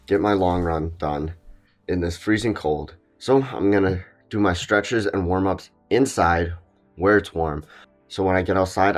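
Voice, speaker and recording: Low-voiced man casually vlogging. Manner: relaxed, plain-spoken, thinks aloud with small restarts. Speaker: fitness vlogger. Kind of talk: casual vlog talk to camera.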